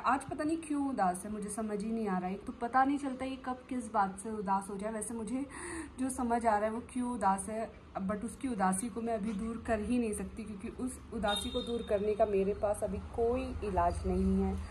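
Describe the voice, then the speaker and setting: A woman narrating her day in an easygoing, chatty vlog. Her voice sits a little high, and she slips into cooing baby talk with her dogs. A faint hiss of noise runs underneath. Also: normal speed, darkish tone, rough recording. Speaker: vlogger and dog owner. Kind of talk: casual daily vlog narration. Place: home and outdoors on walks.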